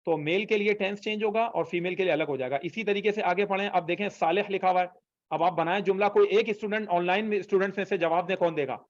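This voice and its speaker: A man's voice: high-pitched, dry recording, muffled recording. A man teaching an online language class, patiently repeating phrases for students to copy. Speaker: Arabic teacher.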